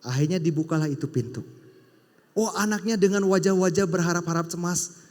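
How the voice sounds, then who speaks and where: Male preacher, high voice, animated storytelling, echoey hall. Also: brisk. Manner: animated, wide swings in loudness. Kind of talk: sermon with storytelling. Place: worship session at a retreat venue. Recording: reverberant hall.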